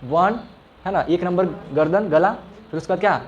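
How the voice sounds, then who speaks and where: A man's voice: sits high, normal speed, muffled recording, a crowd in the background. A male teacher giving a classroom lesson, patiently explaining and repeating each sound for the students. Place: classroom with a fan running.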